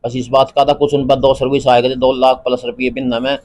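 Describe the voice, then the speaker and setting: A man's voice: medium pitch, flat delivery, a little mellow. Rambling man. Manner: rambling, halting speech with restarts. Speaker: relative of a victim. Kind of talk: recorded interview.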